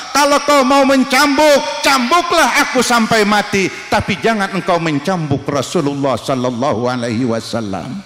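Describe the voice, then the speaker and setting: A man's voice: mid-range voice, voice pushed down, close to an everyday voice. A man preaching, voicing a hot-tempered devoted companion who angrily offers himself instead. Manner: forceful fiery declaration. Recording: echoey hall with faint noise.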